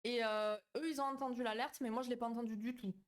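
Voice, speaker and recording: This woman's voice sits on the high side with fairly even intonation and a quick pace. Hosting a psychology live on her home mic, she greets and reads chat casually, warm and chatty, her delivery hesitant with "euh," plenty of fillers and restarts.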